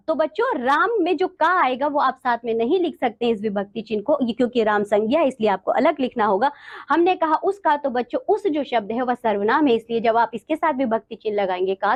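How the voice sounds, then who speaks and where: A woman teacher giving a classroom lesson, explaining patiently and often addressing the children directly. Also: high voice.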